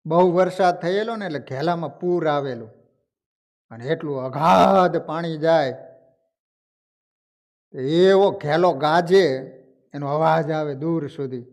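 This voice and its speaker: A man giving a devotional discourse, telling stories to his listeners with a lively voice that rises and falls. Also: fairly high pitch. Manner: lively storytelling, voice rising and falling with the tale. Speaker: religious storyteller.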